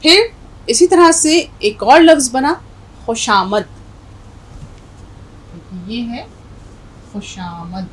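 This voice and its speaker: A woman's voice: high voice, expressive, slow, long pauses, a little hiss or hum, poor audio. A woman teaching a Urdu language lesson, explaining words patiently and repeating each example with a North Indian Hindustani accent.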